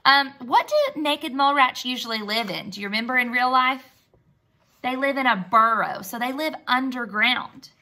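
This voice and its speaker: A teacher's voice sits high, bright and forceful as she reads a storybook with lots of expression to small children at a normal speed. She mixes in simple questions and praise, turning the reading into a lesson.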